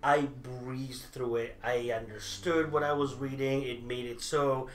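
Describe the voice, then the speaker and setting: A slightly slow, mid-range male voice belongs to a man in his thirties who grew up overseas speaking Italian at home as his first language. He is defending the Harry Potter side in a casual debate, animated and gesturing a lot, with many restarts. The small indoor room, packed with movie memorabilia, makes the recording echoey.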